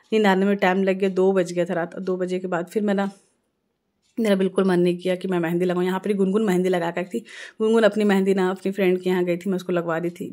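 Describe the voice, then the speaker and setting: Chatty Indian woman with flat, even voice. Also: medium pitch. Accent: Indian Hindi. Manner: chatty, conversational, earnest. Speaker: family vlogger. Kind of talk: casual vlog voice-over.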